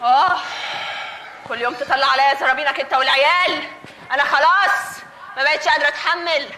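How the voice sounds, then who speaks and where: Shrill, bright-voiced Egyptian stage mom, wailing loudly and fed up with everyone in the house. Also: female voice, fairly even intonation, quick pace, a faint crowd, a little hiss or hum. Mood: exasperated. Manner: loud, wailing, theatrical complaining. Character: exasperated Egyptian mother of four daughters, wailing. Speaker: stage actor. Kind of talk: live comedic stage acting.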